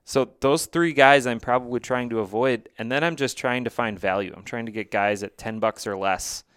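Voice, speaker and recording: A man's voice: medium pitch, moderate pace, a bit bright, clean tone, no echo, studio quality. A man co-hosting a casual fantasy football chat, thinking aloud with fillers and restarts. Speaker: podcast co-host.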